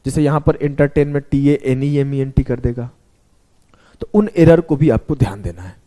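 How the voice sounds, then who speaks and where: A man's voice: medium pitch, normal speed, dark tone. A male math teacher explaining a lesson step by step, talking students through sums and spelling words out letter by letter.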